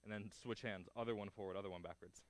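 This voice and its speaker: A man's voice: on the low side, steady tone, fast. A man instructing a martial arts class, giving short clipped counts and cues along with encouraging feedback as he demonstrates moves.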